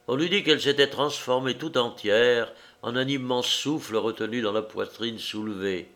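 A man reading a novel aloud as narrator in a measured, deliberate way. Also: medium pitch, a bit bright.

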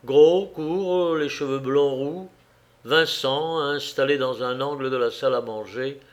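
A man narrating a classic novel as an audiobook, reading in an expressive, theatrical way. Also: mid-range voice, unhurried.

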